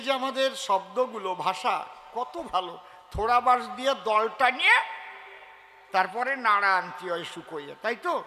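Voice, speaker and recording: Man, folk poet on stage, joking and lecturing, high bright voice, hall echo. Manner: joking, earthy, teasing the audience, then lecturing. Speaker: kobigaan folk poet performer. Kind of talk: stage storytelling to a live audience.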